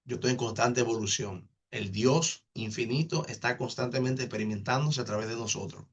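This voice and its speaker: Man, casual spiritual teacher, earnest, repeats words as he thinks, mid-pitched voice. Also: fairly quick, slightly rough. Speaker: teacher of an online spiritual class. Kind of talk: casual teaching, answering comments.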